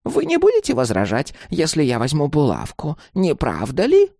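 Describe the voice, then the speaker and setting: A man voicing a cool, scheming old woman landlady who talks slowly and sweetly with a threat underneath. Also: on the high side, wildly swooping pitch, mellow, dry recording, clean studio sound, pitched above the performer's own voice, heavily acted. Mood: coolly menacing.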